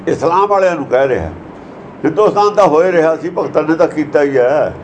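A man's voice: fairly high pitch, lively intonation, a little fast, a little hiss or hum, low-quality recording. A man giving a religious discourse that explains verses, lecturing earnestly and asking many rhetorical questions. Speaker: preacher.

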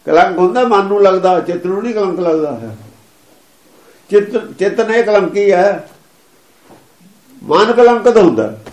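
A man preaches in a high voice, explaining scripture with emphasis. He chants and repeats the lines he quotes. The sound is roomy and echoing. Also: animated, a little slow, pauses often, darkish tone. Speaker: religious preacher.

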